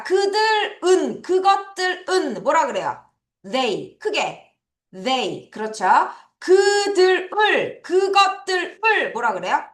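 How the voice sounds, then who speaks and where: Lively, high-pitched woman teaching children. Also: roomy sound. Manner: lively, drawn-out call-and-response drilling; laughs often. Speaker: English teacher. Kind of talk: children's vocabulary lesson.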